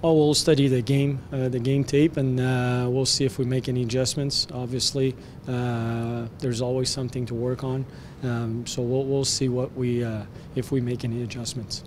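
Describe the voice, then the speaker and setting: A man in his forties with a French Canadian accent, a hockey head coach answering post-game press questions in a measured way, with frequent fillers and restarts. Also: mid-range voice, level tone, a little mellow, a little hiss or hum. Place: arena media backdrop, indoors. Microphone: handheld press mics close.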